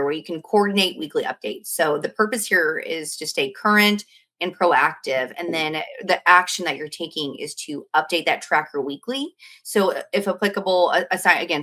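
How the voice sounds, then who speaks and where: Lower-voiced woman explaining step by step. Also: sharp tone. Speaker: co-host of a real estate business training podcast.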